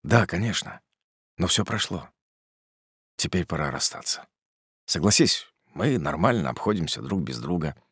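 A man voicing a guilty young man calmly ending his engagement, speaking quietly and firmly. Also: low voice, moderate pace, long pauses, slightly rough, dry recording, clean studio sound, exaggerated voice. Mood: subdued, firm.

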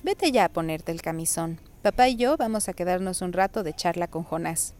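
A woman reading as a soft-spoken caring mother. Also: on the low side, expressive, normal speed, faint music behind, close to an everyday voice. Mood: calm. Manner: soft, sympathetic murmur. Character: caring mother, a stern but gentle judge.

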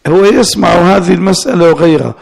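A man teaching a classical law text as sheikh, explaining slowly and repeating his student's words. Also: sits high, gravelly, a little mellow. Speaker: sheikh teaching Hanafi fiqh.

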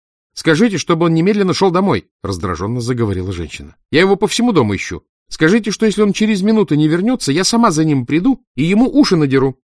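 A man's voice: mid-range voice, sing-song, a little fast, a little mellow, dry recording, studio quality, pitched above the performer's own voice. A man reading an audiobook, voicing an irritated mother who sharply scolds and gives orders to her son. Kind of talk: audiobook character voice.

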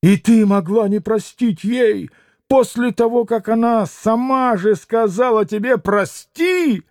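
A man's voice: fairly high pitch, sing-song, slow, a little mellow, no echo, studio quality. A man voicing a desperate, passionate young man who pleads and exclaims, in an audiobook reading. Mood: pleading.

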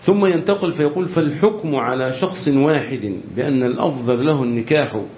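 A man's voice: medium pitch, brisk, slight background noise. A man with an Egyptian accent, a religious teacher giving a lesson on a classical text. He reads passages in formal Arabic, then explains them in everyday speech and asks his listeners rhetorical questions. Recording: roomy, slightly dull lecture recording.

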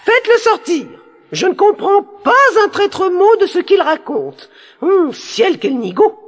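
A man voicing an impatient young princess in a storybook reading, shrill and theatrical. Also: sing-song, a little slow, heavily acted. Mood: exasperated. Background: music bed.

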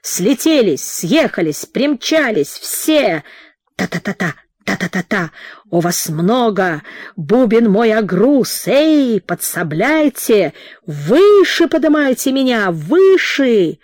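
A woman's voice: on the high side, very animated, darkish tone, no echo, studio quality, full character voice. A woman reading a storybook, voicing a frenzied male shaman who chants and wails in a trance. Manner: chanting, wailing cries, drawn-out calls. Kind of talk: audiobook reading.

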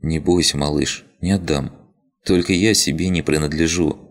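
A man's voice: rumbling low, fairly even intonation, normal speed. A man voicing a tired young woman who sounds resigned and wryly sad. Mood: weary. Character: weary young woman awaiting her fate.

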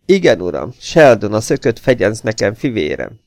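A man's voice: on the low side, very animated, a little mellow, dry recording, clean studio sound. A man reading an audiobook, voicing a frightened middle-aged housekeeper woman who pleads anxiously for her family. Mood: confessing.

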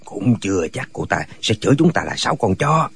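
Male actor voicing a pack of silly, bickering hermit brothers in a radio drama, husky and singsong. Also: on the low side, big pitch swings, a little fast, fairly bright tone, exaggerated voice. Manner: bickering, argumentative back-and-forth. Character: six squabbling, foolish male martial hermits.

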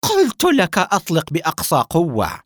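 A man voicing a tall, ruthless male villain who shouts threats and mocks his enemy. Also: on the low side, very animated, moderate pace, breathy edge, dry recording, clean studio sound. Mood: furious.

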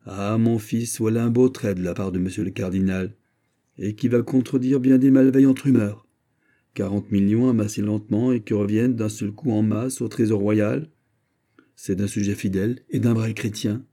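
A man's voice: fairly low pitch, fairly even intonation, moderate pace, mellow, lightly acted. A man voicing an eager, pushy queen mother who talks insistently.

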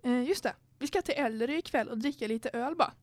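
High-voiced young woman telling stories. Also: no room sound. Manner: storytelling, acts out quoted dialogue. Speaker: podcast host. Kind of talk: casual chat.

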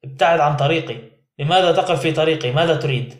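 A man's voice: fairly high pitch, rapid-fire, echoey room, natural voice. A man reading a scornful drunken young man. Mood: contemptuous. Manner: contemptuous.

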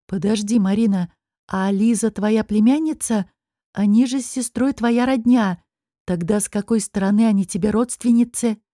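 A woman's voice: mid-range voice, moderate pace, mellow, no echo, clean studio sound, lightly acted. A woman reading the lines of a playful, affectionate male demon in an audiobook, in a teasing, coaxing way. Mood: tender.

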